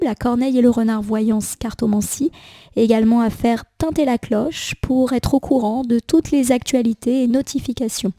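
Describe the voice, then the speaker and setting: A fairly high, mellow female voice, slightly stuffy from a cold, gently talking through a daily tarot reading. She is reassuring and unhurried, pausing on fillers as she thinks aloud, recorded close and dry. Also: no echo. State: has a cold. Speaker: tarot card reader.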